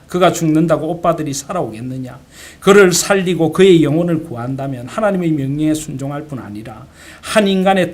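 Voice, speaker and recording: A man's voice: on the high side, close to an everyday voice. A man voicing a steadfast father and pastor who speaks to his daughter with an earnest, firm tone during a sermon.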